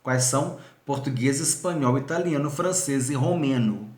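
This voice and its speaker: A man's voice: medium pitch, normal speed, echoey room. A man teaching a recorded seminary video lesson, explaining patiently, repeating points and speaking straight to the viewer. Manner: addresses viewer directly.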